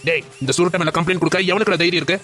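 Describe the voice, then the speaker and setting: A man's voice: on the high side, steady tone, rapid-fire, pushed and bright, soft background music. A man doing a brash drunk cartoon father. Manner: brash, mocking, defiant. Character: drunk, boastful middle-aged father.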